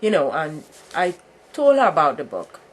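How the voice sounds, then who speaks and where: A woman, her voice sitting on the low side for a woman. She talks plainly in a casual interview and often leaves her sentences unfinished. A faint background noise sits under her voice. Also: huge pitch swings, low-quality recording. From Trinidad. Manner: plain and halting, trails off mid-sentence. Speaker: guest author.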